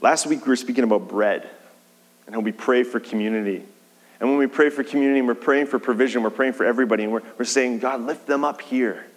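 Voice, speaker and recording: A male pastor preaches in an easy, conversational manner, speeding up and slowing down to land his points. His voice sits in an ordinary middle register, and a long hall reverb trails behind it. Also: mid-range voice. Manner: conversational preaching with shifting pace and emphasis. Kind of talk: sermon.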